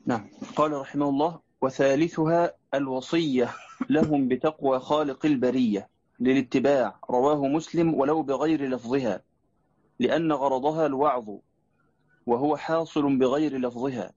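A man's voice: mid-range voice, steady tone, a little mellow, no echo. Man reading a classical text aloud. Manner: measured formal recitation. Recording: muffled lo-fi recording.

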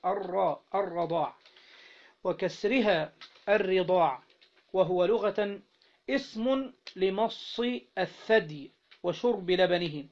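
High-voiced Egyptian man teaching, dull recording. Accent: Egyptian Arabic. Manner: keeps prompting students with questions, has them fill in words. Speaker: teacher of Islamic jurisprudence. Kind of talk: classroom lesson reading a text aloud and explaining it.

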